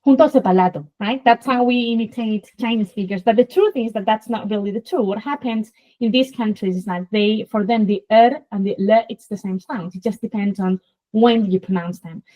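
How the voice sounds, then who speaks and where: A native Spanish speaker with a Spanish accent, this woman hosts an interview as a Spanish teacher, lecturing about sounds and demonstrating them aloud. Her voice is medium-pitched and mellow, at a moderate pace, in a rough recording.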